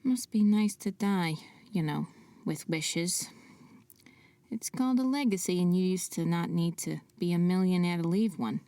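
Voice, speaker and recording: Wry woman narrating a mystery, dark tone. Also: fairly low pitch, normal speed, no echo, recorded from a distance. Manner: wry, sarcastic asides. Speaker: narrator and protagonist. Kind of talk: scripted drama narration.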